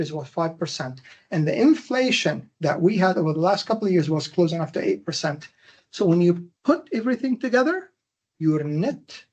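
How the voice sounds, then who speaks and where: A man from Jordan with a Jordanian accent giving a classroom lecture, animated and emphatic, firing questions at his students. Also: high-pitched. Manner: animated, emphatic, quizzing the audience with rhetorical questions. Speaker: university lecturer.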